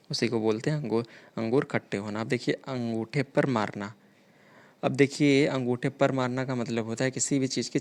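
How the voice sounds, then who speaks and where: A man teaching a grammar lesson for exam preparation, explaining correct spellings and idioms, often repeating himself. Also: mid-range voice. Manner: repetitive, explanatory, keeps saying 'dekhiye' and 'theek hai'.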